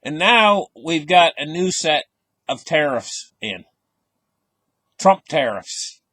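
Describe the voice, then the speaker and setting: A man's voice: a little high, big pitch swings, takes it slowly, pushed and bright, breathy edge, no room sound. A man giving casual market commentary, reading out headlines and stressing words with a skeptical, offhand manner. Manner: casual grammar, frequent fillers.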